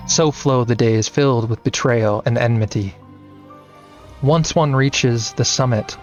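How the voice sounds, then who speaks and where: A man voicing a melancholy, theatrical male rock star in a slow, dramatic way. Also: mid-range voice, muffled recording, close to an everyday voice.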